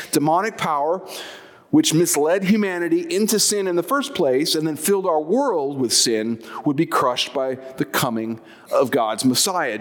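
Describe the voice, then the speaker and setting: A man's voice: fairly high pitch, big-room sound. A man preaching a sermon, explaining scripture conversationally with personal asides. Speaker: pastor.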